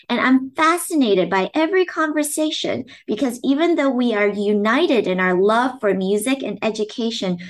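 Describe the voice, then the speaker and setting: A woman hosting a podcast, asking curious, friendly questions. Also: mid-range voice. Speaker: podcast host.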